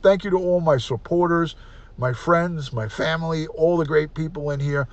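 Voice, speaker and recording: A man's voice: a little high, moderate pace. A man, hosting a live stream and chatting casually as he reads out viewer names and thanks them. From United States. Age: 50s.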